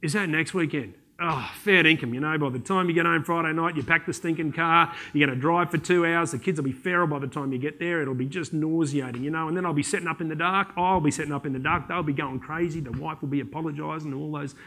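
An Australian man giving a conference keynote, telling comic stories and briefly slipping into voices for the people in them. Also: on the high side. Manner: animated, joking, slips into quick voices for people in his stories. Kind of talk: comic storytelling talk to an audience.

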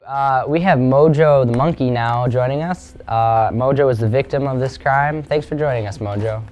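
A man's voice: mid-range voice, normal speed, darkish tone, soft background music. A young man acting as a field reporter in a homemade comedy news spoof, asking questions with lots of hesitant fillers.

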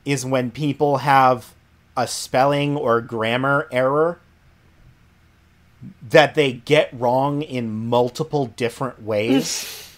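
A man's voice: medium pitch, fairly even intonation. Easygoing young man co-hosting a podcast. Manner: easygoing, jokey, quick with backchannel agreement. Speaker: podcast co-host. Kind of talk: casual chat.

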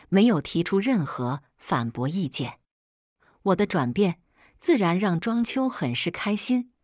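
A woman's voice: fairly low pitch, no room sound, studio quality. A woman narrating a family drama in the first person with a storytelling manner.

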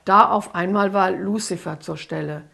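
A woman, an author, reading her own dark story aloud in a slow, dramatic storytelling manner. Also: mid-range voice, creaky, slightly rough. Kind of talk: audiobook-style reading.

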